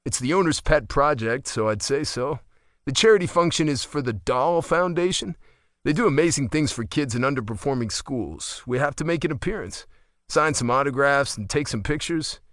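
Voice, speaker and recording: A man's voice: mid-range voice, expressive, moderate pace, a bit bright, no echo, clean studio sound, natural voice. A man voicing a male pro athlete, a teasing but earnest husband, in an audiobook.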